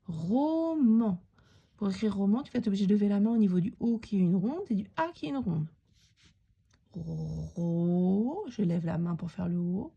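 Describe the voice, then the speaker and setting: A woman teacher narrating a handwriting lesson for young children, talking it through slowly and spelling out each letter and sound. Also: medium pitch, gravelly, mellow, slightly rough.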